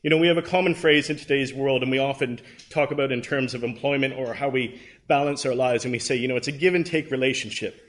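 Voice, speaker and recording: A man's voice: mid-range voice, fast talker, a bit bright. A man in his thirties from Canada with a Canadian accent, giving an earnest, conversational Bible class talk with frequent ums and restarts. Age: 30s.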